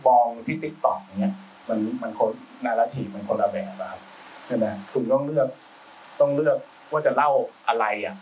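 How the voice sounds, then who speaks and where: Guy chatting casually about his work, rambly and slangy, mid pitch, a bit far from the mic with faint room hiss. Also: normal speed, highs cut off. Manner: loose and chatty, with frequent restarts and slang. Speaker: film sound designer, guest speaker. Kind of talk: casual talk-show conversation.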